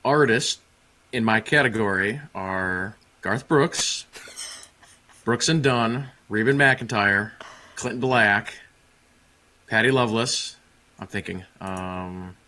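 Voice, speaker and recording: A man's voice: lowish voice, slow pace, pauses often, bright, forceful tone. Man joking around on a livestream. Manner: jokey, mock country singing. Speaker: guest on a livestream. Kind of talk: casual chat.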